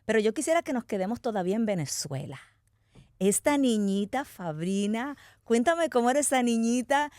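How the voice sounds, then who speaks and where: A woman's voice: on the high side, animated, moderate pace, darkish tone, dry recording, studio quality. A woman hosting a podcast, opening with a scripted introduction and then asking chatty, laughing questions. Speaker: podcast host. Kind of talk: hosting an interview.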